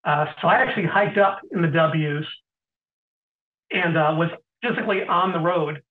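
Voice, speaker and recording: A middle-aged man, an interview guest, tells stories in a casual way, often clearing his throat and pausing with fillers. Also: on the high side. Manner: anecdotal, frequent throat clearing and hesitant fillers. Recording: tinny phone-like sound.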